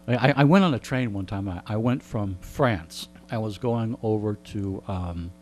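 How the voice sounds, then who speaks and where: Interviewed in a radio studio, a man tells stories in a loose, joking, rambling way. His voice is lowish and darkish, at a normal speed, and a faint mains hum sits under the recording.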